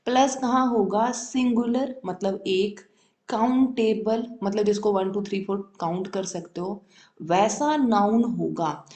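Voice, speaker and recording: A woman's voice: mid-range voice, a little slow, darkish tone. Female tutor with a medium voice, explaining step by step and checking comprehension, recorded in a reverberant room. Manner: checks understanding constantly, repeats key terms. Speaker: English grammar teacher. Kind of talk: classroom-style explanation.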